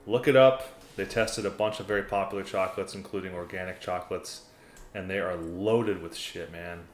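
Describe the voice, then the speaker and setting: Reading chat messages aloud, a young man from the US rambles easily through a casual livestream, peppering his talk with "man" and "dude." His voice is deep and fairly even at a moderate pace, with a little hiss or hum, roomy echo, and classical music behind.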